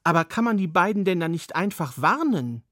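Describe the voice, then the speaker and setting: A man's voice: high-pitched, sing-song, brisk, sharp tone, no room sound, clean studio sound, full character voice. A man voicing a worried, curious old woman asking questions, in a storybook reading.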